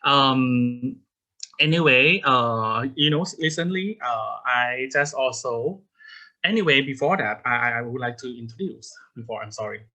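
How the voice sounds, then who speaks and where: Brief: male panelist, slow and halting, with a very bright, sharp voice. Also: medium pitch, rough recording. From Thailand. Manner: halting, frequent "uh" and restarts. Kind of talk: panel remarks.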